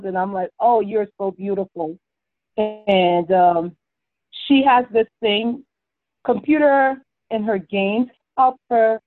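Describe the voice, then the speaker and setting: Mom telling stories on a call, laughs a lot, sounds tinny and dry. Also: female voice, mid-range voice, dry recording. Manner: warm storytelling, laughs often. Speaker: podcast guest, mother. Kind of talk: casual interview chat. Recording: tinny phone-like line, dry.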